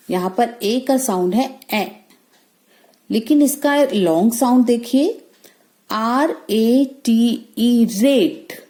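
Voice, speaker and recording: A woman gives a phonics lesson at a very slow, deliberate pace. She spells out each word letter by letter and then says it twice. Her voice is a little high and warm in tone. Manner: spells out words letter by letter, then repeats them. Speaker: English teacher.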